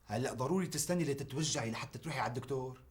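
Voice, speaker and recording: An actor playing a protective, insistent older brother in a TV drama. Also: male voice, medium pitch, racing, close to an everyday voice. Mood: coaxing. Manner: coaxing, insistent, rising to shouts. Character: protective young man, pushy and anxious. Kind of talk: TV drama acting.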